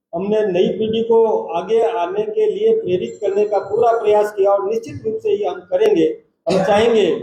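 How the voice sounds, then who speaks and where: A man, a party state president, giving a formal, measured press conference statement and taking reporters' questions in turn. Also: high-pitched, warm tone, slight background noise. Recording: roomy echoey hall.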